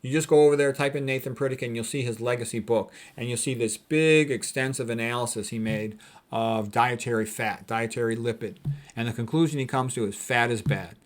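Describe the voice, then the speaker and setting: This doctor's informal lecture has him responding to quotes dismissively and bluntly in casual language, stressing his points again and again. He speaks fairly quickly at a medium pitch.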